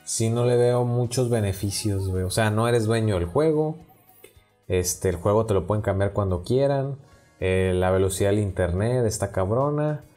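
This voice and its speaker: A man's voice: on the low side, moderate pace, warm tone, faint music behind. A man with a northern Mexican accent in casual, slangy, rambling podcast talk as a co-host. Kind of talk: casual chat about video games.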